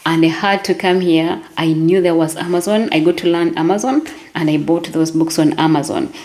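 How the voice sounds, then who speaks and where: A woman's voice: deep voice, steady tone, moderate pace, darkish tone. A young woman from Uganda talking casually to camera in a vlog, chatty, often repeating words and restarting as she goes. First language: not French; English-speaking. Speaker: vlogger.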